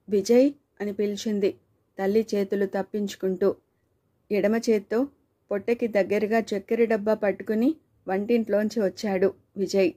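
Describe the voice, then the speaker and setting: Woman reading an audiobook novel, warm low-key tone, pretty flat delivery. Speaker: audiobook narrator. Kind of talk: narrating a novel.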